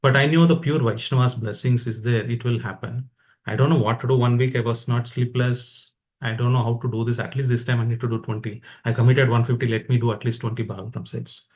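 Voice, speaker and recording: A man's voice: mid-range voice, fairly even intonation, fast, darkish tone. A man with an Indian accent giving an informal, exhortative religious talk to motivate fellow devotees.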